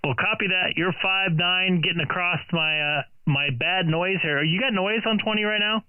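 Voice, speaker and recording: A man's voice: sits high, moderate pace, slight background noise. A man calling CQ over ham radio, repeating his call sign in standard radio procedure, heard as a radio transmission. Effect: ham radio transmission over the air. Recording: tinny, phone-like radio audio.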